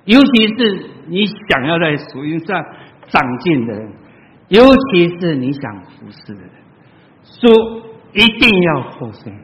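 A man preaching a sermon, telling stories and addressing the congregation, swinging between loud exclamations and soft asides. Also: fairly high pitch, very animated, unhurried. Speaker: pastor. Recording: long hall reverb, dull lo-fi sound.

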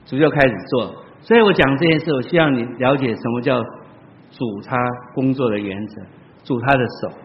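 Male pastor, storytelling sermon, loud bursts and quiet asides, long hall reverb, muffled lo-fi sound. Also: mid-range voice, a little fast. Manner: storytelling preacher, swinging between loud exclaims and soft asides.

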